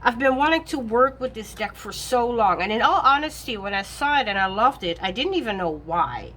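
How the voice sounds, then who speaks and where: A woman's voice: fairly high pitch, lively intonation, fairly quick, a bit bright. Chatty woman rambling about her tarot decks. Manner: chatty and self-correcting, laughs often. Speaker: tarot vlogger. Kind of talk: rambling casual chat.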